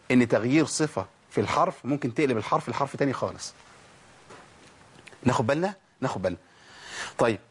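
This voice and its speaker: A man with an Egyptian Arabic accent gives a recorded tajweed lesson on the rules of Quran recitation, asking his listeners questions and then answering them himself as he demonstrates letter sounds. His mid-range voice is slightly rough.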